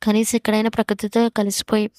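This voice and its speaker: A woman's voice: mid-range voice, monotone, quick pace, a little mellow, no echo, studio quality, lightly acted. A woman reading the lines of an arrogant, mocking young man in her own voice, with a sarcastic edge. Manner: sarcastic and taunting.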